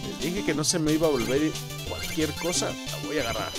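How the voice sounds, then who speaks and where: A man with a Mexican Spanish accent giving excitable, joking let's-play commentary and swearing often. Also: fairly high pitch, brisk. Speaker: gaming YouTuber. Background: game music.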